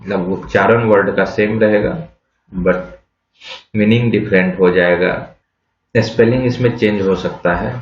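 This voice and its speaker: An English vocabulary teacher, a man with a fairly low voice, leads a slow and patient lesson, spelling words letter by letter and quizzing the class with questions he then answers himself. His tone stays steady. The audio is muffled and lo-fi, set in an echoey room.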